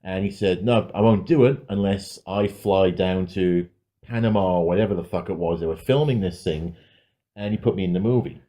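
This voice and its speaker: This man has a deep, mellow voice and talks at a moderate pace. He co-hosts a podcast and chats casually about films, wry, sweary, and self-mocking as he reviews them.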